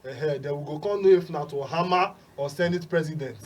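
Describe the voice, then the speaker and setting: A man's voice: fairly high pitch, brisk, recorded from a distance, slight background noise. A Nigerian man speaking Pidgin as a panel analyst, with a hesitant delivery full of filler sounds.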